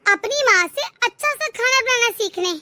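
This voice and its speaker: A woman's voice: extremely high pitch, expressive, normal speed, sharp tone, a little hiss or hum, exaggerated voice. A woman voicing a stern, lecturing middle-aged mother-in-law in a cartoon. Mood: scolding. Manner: lecturing, scolding. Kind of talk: cartoon voice acting.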